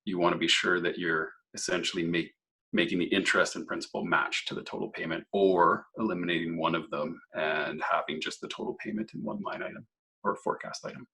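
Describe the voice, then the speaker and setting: A slightly hoarse man, presenting a software walkthrough webinar and explaining features step by step. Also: low-pitched, expressive, fairly quick, poor audio. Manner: explanatory, clears throat often.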